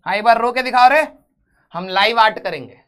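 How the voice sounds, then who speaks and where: A man teaches physics in a live online class, speaking fairly quickly in a high-sitting voice with a clean, fairly bright tone. He banters and jokes with his students before reading questions aloud, which he does in English.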